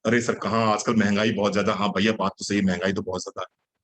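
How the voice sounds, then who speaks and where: A man voicing a middle-aged father being pitched by a salesman, agreeable and complaining about rising prices. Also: level tone, quick pace, lightly acted. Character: middle-aged male prospect, a worried father.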